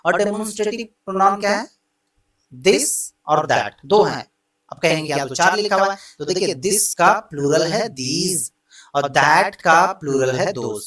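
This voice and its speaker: A man's voice: high-pitched, normal speed, a bit bright, echoey room, recorded from a distance, rough recording. A man with an Indian accent teaching an English grammar lesson, mixing Hindi explanation with English examples he reads out word by word.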